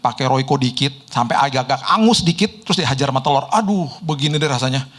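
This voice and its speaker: A middle-aged man, preaching a sermon told through lively personal stories and chuckles. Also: mid-range voice, fast. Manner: lively storyteller, mimics people in quotes, laughs often. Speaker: pastor.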